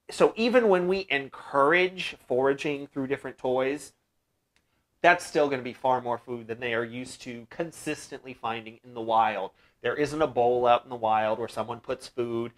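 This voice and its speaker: A young man hosting a casual DIY pet-care vlog from a small room at home, explaining things in a friendly way with lots of "uh" fillers, on a lapel mic. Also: mid-range voice. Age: young adult. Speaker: bird-keeping channel host. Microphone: lapel mic, seated facing camera.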